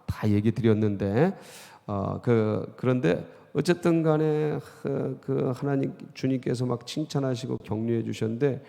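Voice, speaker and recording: A male pastor delivers a sermon with a dark, gravelly voice, firing rhetorical questions at his congregation. When he quotes scripture he suddenly gets loud. His voice trails off in a long church-hall reverb. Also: medium pitch, measured pace, few pauses. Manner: keeps asking the congregation questions, then bursts out loud when quoting scripture. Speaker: senior pastor. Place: church sanctuary.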